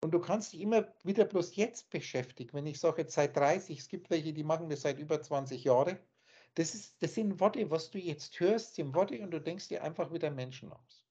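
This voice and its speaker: A man's voice: on the high side, moderate pace, mellow, slightly rough. Man lecturing emphatically over a dull call. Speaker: spiritual teacher. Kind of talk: lecturing monologue on a video call. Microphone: video call. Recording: dull lo-fi online call audio.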